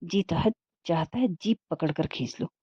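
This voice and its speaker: A woman voicing a rude, hot-tempered young village man in a storybook reading, with a sharp, scolding manner. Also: on the low side, breathy edge, no room sound. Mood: angry, scolding. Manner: sharp, scolding, quick to anger. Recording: dull muffled dry recording.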